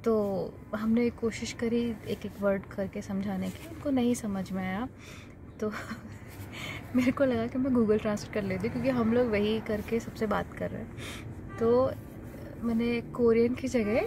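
A woman's voice: a little high, fairly even intonation, unhurried, noisy background. A young woman chatting casually to her phone camera, telling travel stories with frequent laughs, first in a car and then in a hotel room. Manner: chatty storytelling, laughs often. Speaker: travel vlogger. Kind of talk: casual vlog chat to camera. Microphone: phone camera at arm's length.

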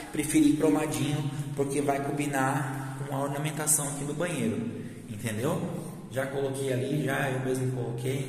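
A man casually showing his apartment renovation to viewers, laughing often, while his voice echoes strongly in a bare, empty room. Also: mid-range voice. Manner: chatty, laughs often, addresses viewers as friends. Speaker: vlogger. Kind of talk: casual home-renovation vlog.

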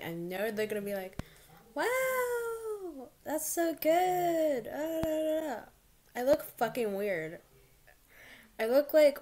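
A teenage girl chats into her laptop at home in a rambling, filler-heavy way, nervous and excitable. A slight lisp from her retainer colours her words. A faint hiss sits under the recording. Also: medium pitch. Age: teens. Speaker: vlogger. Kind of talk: casual vlog chat. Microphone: laptop built-in mic.

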